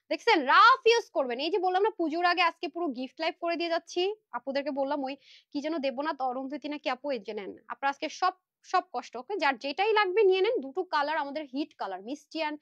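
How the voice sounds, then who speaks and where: A young woman from Bangladesh running a live-stream clothing sale, chatty and upbeat, pitching prices and giving quick asides to her helpers. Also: fairly bright tone, no echo. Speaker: online clothing seller. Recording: dull lo-fi live-stream audio.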